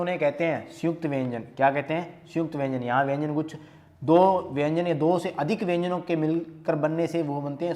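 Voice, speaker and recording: A man's voice: fairly high pitch, a little mellow. A young man teaching a grammar lesson, going through quiz questions and repeating each question before answering it himself. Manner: asks questions and answers them himself, repeating key terms.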